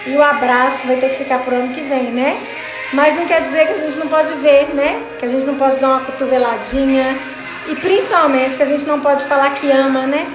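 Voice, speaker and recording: A Brazilian woman hosting a casual live stream, greeting viewers by name and chatting in a home craft studio. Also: high-pitched. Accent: Brazilian Portuguese. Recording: roomy studio with background music.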